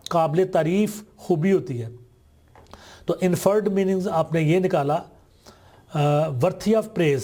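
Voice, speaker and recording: A man with a Pakistani accent teaching a textbook exercise, reading English sentences slowly and deliberately. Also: fairly high pitch, mellow.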